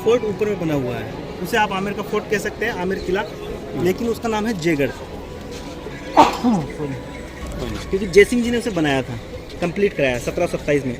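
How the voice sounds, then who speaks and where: A man working as a tour guide, explaining things to visitors outdoors in a chatty, lecturing way. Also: high voice. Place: outdoors at a historic palace.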